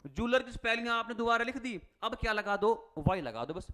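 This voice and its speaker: A man leads a spelling lesson for exam students, his voice sitting fairly high for a man. He spells words out letter by letter and keeps asking his class questions before answering them himself. He speaks in a friendly coaching tone, calling his students "beta" and "bhai". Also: expressive, fairly quick, sharp tone. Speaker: English teacher.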